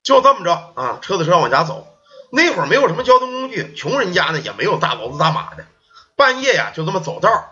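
A man narrating a folk ghost story in lively, colloquial bursts. His voice is high, bright and very animated. The recording sounds dull and lo-fi. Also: fast talker.

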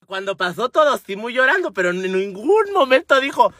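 A man's voice: very high voice, very animated, moderate pace, fairly bright tone, no room sound, studio quality, exaggerated voice. A man playing a brash, foul-mouthed woman with a Mexican accent, telling stories in a salty, gossipy comic monologue. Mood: cheeky gossip. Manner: salty, gossipy, rambling storytelling.

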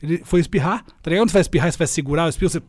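A man's voice: a little high, very fast, no room sound. A man, a teacher telling a funny classroom story in casual chat, acting out the scenes. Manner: lively storyteller, acts out scenes.

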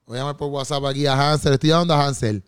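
A man's voice: medium pitch, very fast, clear, resonant tone, dry recording, clean studio sound. A man co-hosting a podcast in casual chat, bantering playfully and repeating himself as he talks. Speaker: podcast co-host.

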